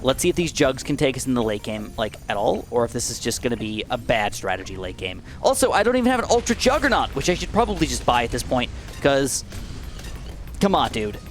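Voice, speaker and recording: A young man doing gaming commentary for YouTube speaks briskly at a medium pitch, with a bit of background noise. His dry, raspy voice swings between upbeat outbursts and mumbled side notes.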